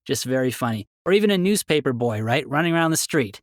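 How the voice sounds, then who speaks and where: Mid-pitched man, jokey podcast host, dry close mic. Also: lively intonation, fast, no room sound. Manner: playful, upbeat, jokey. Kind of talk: casual chat.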